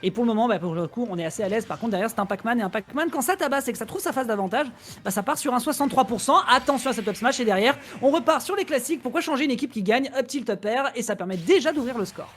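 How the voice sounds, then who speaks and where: Fast-talking esports caster. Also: medium pitch, expressive, a bit bright, a little hiss or hum. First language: Italian. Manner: rapid, analytical, quick self-corrections. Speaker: co-commentator. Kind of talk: esports play-by-play commentary.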